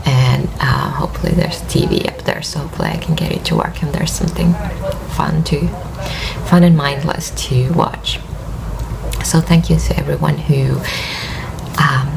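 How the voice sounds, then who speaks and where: Amid background noise, a low-pitched, gravelly female voice belongs to a worn-out Finnish knitting podcast host with a Finnish accent and a worn voice. Her casual vlog chat is hesitant and rambling, peppered with fillers and soft laughs.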